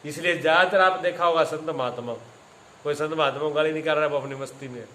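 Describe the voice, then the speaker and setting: A man's voice: fairly high pitch, fast talker, pushed and bright, reverberant, a little hiss or hum, rough recording. A man giving a spiritual discourse as a teacher, telling stories with acted quotes and repeating his phrases.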